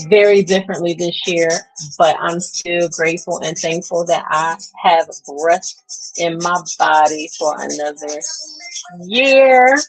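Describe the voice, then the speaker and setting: A woman in her thirties talks casually to her viewers in a low voice with a gravelly edge. She takes her time, rambling and pausing as she hunts for words. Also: low-quality recording. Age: 30s. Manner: chatty and rambling, trails off searching for words. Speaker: beauty vlogger. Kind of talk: casual chat to camera.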